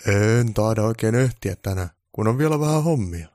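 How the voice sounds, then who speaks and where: A man's voice: on the low side, lively intonation, darkish tone, no room sound, clean studio sound, close to an everyday voice. A man voicing a grumpy old Santa Claus with bellowing, blustery threats, in a comic storybook reading. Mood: gruff.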